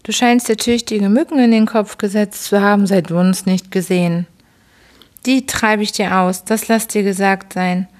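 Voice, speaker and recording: A woman voicing a gruff, bullying middle-aged father who scolds his son in a bedtime audiobook reading. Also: mid-range voice, steady tone, normal speed, darkish tone, natural voice. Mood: scornful. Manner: bullying, scolding, barking questions. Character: gruff shouting drunken old father, middle-aged man.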